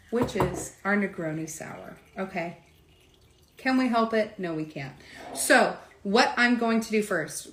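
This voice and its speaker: Chatting straight to her audience with lots of asides, a woman with a mid-range voice runs a relaxed live cocktail demo. Background noise carries through the echoey room, along with a faint clatter.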